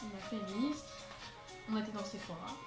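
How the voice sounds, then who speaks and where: A woman's voice: medium pitch, a little fast, recorded from a distance. A young woman chatting to her phone camera in a bedroom, rambling with many fillers and a little out of breath. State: slightly out of breath. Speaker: beauty vlogger. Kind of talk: casual chat to camera. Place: bedroom with skylight, indoors. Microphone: phone camera, no tripod. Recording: echoey room, phone held away, music behind.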